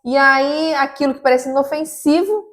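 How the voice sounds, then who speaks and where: A woman's voice: sits high, fairly bright tone. Earnest woman in faith chat. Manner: earnest, preachy, halting with restarts. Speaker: podcast co-host.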